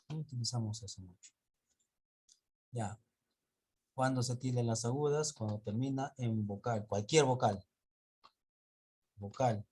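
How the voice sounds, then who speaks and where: Husky-voiced male teacher quizzing his class. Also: medium pitch, warm tone. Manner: explains step by step and quizzes students. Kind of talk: classroom grammar lesson.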